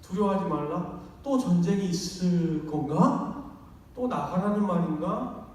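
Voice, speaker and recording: A man's voice: sits high, a little slow. A man preaching a sermon as pastor, chatty and acting out quoted lines. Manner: conversational, acts out quoted lines. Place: church sanctuary. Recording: echoey church hall from far off.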